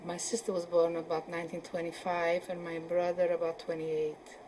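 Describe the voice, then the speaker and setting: A woman in her seventies from Poland, answering questions in an oral history interview and often pausing to search for words. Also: lowish voice, monotone, mellow, slight background noise, low-quality recording. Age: 70s. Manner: hesitant, searching for words with many fillers.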